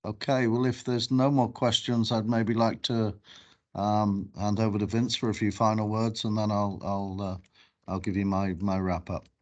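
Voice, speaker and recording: A man's voice: on the low side, little pitch movement, moderate pace. A man moderating a webinar in a chatty way, with fillers and restarts.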